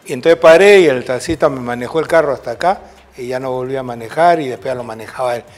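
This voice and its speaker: An older Peruvian man, once a football coach, tells rambling anecdotes in an interview, his Spanish accent clear and his stories often capped with a questioning "right?". His voice sits in the mid range and he talks at a quick pace.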